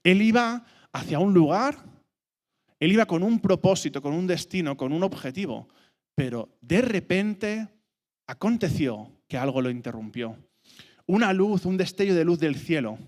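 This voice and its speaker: This animated preacher's pitch swings lively as he delivers his sermon, and he slows on purpose to emphasize every scripture line he reads. The church hall gives his voice a long reverb.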